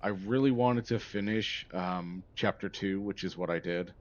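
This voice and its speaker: Talking to a viewer during a survival-game livestream, a man rambles casually and keeps drifting off topic. His voice sits low at a moderate pace, and the recording is muffled.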